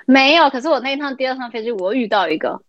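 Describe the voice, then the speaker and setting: A young adult woman recording remotely as a podcast guest, telling a story in a lively casual way. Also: high voice, rapid-fire, highs cut off. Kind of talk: casual chat.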